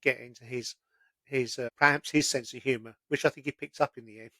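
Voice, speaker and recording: A man's voice: mid-range voice, steady tone, brisk, sharp tone, dry recording. A man, hosting a casual conversation and telling stories in a chatty, plain-spoken way.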